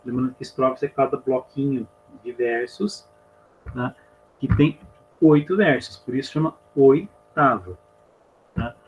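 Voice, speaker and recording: A man's voice: medium pitch, a little slow, dull audio, slight background noise. Patient Brazilian man teaching an online class. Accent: Brazilian Portuguese. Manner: patient, counts syllables aloud step by step. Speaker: literature teacher. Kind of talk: online class explaining poetry.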